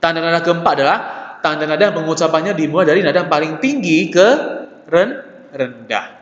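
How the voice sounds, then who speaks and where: A man's voice: on the high side, lively intonation, brisk, fairly bright tone. Patient male language teacher in an echoey room. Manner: patient, repeats syllables and checks in with "ya" and "oke". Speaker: Mandarin teacher. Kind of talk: classroom lesson explaining Mandarin tones. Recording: echoey, dull, lo-fi room recording with long reverb.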